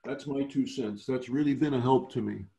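A man of ordinary pitch explains things patiently over a video call, backing up and restarting his sentences as he goes. He sounds like a coach walking newer learners through a lesson. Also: moderate pace, creaky, dark tone, highs cut off. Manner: explanatory, restarts phrases often. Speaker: sailing clinic instructor. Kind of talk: virtual clinic teaching.

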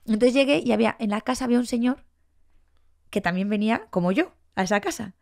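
A woman's voice: on the high side, fast talker, gravelly. A woman in her forties with a Spanish accent from Spain, a podcast guest telling her own story candidly and with feeling, acting out what people said. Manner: emotional, animated, acts out past dialogue.

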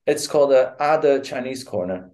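A middle-aged Dutch man from the Netherlands, with a medium-pitched, expressive and slightly mellow voice, speaks at a moderate pace. He's a guest on a video call from a room at home, giving a casual interview in a hesitant way, full of fillers and restarts.

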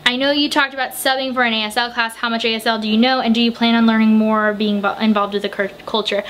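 A young American woman with a slightly high voice runs through viewer questions in a casual home vlog. She answers in quick, chatty bursts. A faint hiss of room noise sits under the camera mic. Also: a bit bright. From United States. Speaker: book vlogger. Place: home room with bookshelves, indoors.

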